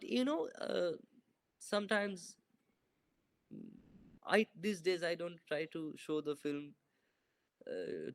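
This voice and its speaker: Here a young man, a filmmaker being interviewed, replies over a laptop video call in a bright indoor space. His slightly high voice has a gravelly quality, recorded with no echo, and his answers are considered yet halting, packed with fillers and restarts.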